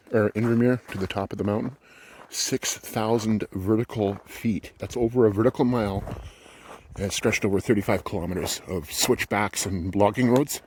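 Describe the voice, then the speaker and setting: Middle-aged male vlogger, low voice, meandering walk-and-talk outdoors, faint background noise. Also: a little mellow. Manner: rambling, thinking aloud with many restarts. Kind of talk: casual walk-and-talk vlog.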